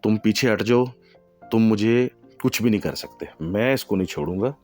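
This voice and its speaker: A man's voice: lowish voice, a little mellow, faint music behind, lightly acted. A man voicing a defiant male spirit that has possessed a girl, speaking in a stubborn, threatening way.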